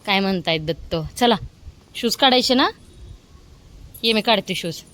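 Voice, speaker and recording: A woman in her thirties from Maharashtra, India, chats casually on a family vlog as a mother, coaxing a toddler with questions. Her voice is medium-pitched, expressive and fairly bright, and she speaks unhurriedly. It was recorded on a handheld phone.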